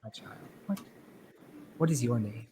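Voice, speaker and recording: A man acts out a mysterious stallkeeper from a tabletop fantasy game. He is calm and solemn, choosing each word with care, at a middling pitch. Faint music plays underneath. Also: a little slow, natural voice. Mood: solemn, prophetic. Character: mysterious calm male mystic stallkeeper speaking from shadows.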